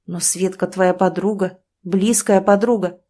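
A woman's voice: on the low side, steady tone, measured pace, warm tone. A woman reading an audiobook, voicing an exasperated man caught cheating. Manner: exasperated, sometimes hissing. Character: cheating husband, frustrated and flustered man.

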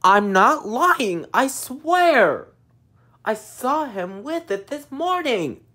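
A woman voicing a grumbly, hotheaded young male echidna for a plush toy fan show, talking loudly and insistently. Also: fairly high pitch, very animated, drawn-out words, full character voice. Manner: loud, insistent and defensive.

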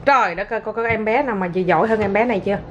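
Racing along in a medium pitch with music in the background, a woman who vlogs about motherhood coaxes and plays with her toddler while addressing viewers, laughing often. It's filmed indoors at home on dull lo-fi video with slight noise.

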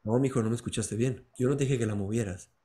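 Man playing a gentle Jesus, quiet, low, calm, reassuring. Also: fast talker, lightly acted.

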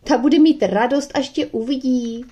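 A woman reading an audiobook voices a patient but exasperated mother gently scolding her daughter. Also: high-pitched, breathy edge, muffled recording. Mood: coaxing. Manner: coaxing, mildly exasperated.

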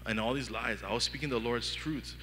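A man from Hawaii with a Pidgin-tinged accent, preaching a sermon with lively storytelling and acted-out inner dialogue. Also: mid-range voice, a little fast, big-room sound. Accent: Hawaiian Pidgin-tinged English. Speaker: pastor. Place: church hall.

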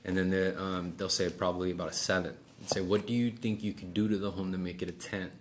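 A middle-aged man talks fast and flat in a low voice. He's coaching someone individually in a small office meeting room, explaining informally, playing out sales scenarios and frequently checking in, with clearly noisy room sound around him.

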